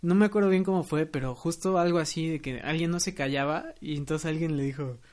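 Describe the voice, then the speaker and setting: A young adult man with a Mexican accent, telling anecdotes in relaxed slangy chat. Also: a little high, brisk. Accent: Mexican Spanish. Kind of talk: casual podcast chat.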